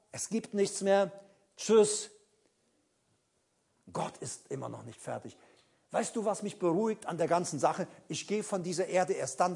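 A man's voice: sits high, creaky, slightly rough. A man preaching a sermon, speaking dramatically and addressing his listeners directly, with fillers when he recalls details. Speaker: pastor.

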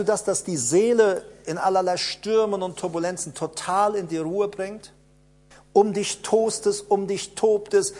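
A man preaching a sermon, emphatic and repetitive, asking rhetorical questions and swinging between hushed lines and loud bursts. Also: high voice.

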